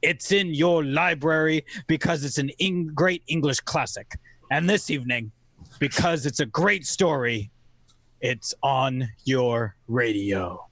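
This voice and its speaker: In a wry, oratorical old-time radio style, a man delivers theatrical scripted narration with deliberate phrasing. His voice is a little high and a bit bright, and the recording is dry.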